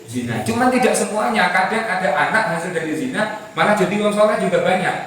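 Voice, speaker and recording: A man gives an Islamic sermon, animated and full of rhetorical questions, acting out the dialogue of a story. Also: high voice, fast, slight background noise. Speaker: preacher. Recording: echoey hall from far off.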